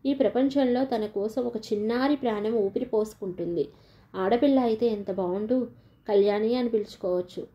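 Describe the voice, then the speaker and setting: A woman narrating a novel in an even storytelling manner. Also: fairly high pitch, moderate pace. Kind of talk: audiobook novel reading. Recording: dull lo-fi recording.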